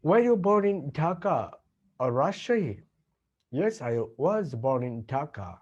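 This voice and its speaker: A man with a Bangladeshi accent teaching English, slowly repeating example questions and answers. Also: high voice, very animated, darkish tone, highs cut off. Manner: slow, deliberate repetition of example sentences. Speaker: English tutor. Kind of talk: language lesson with model dialogues.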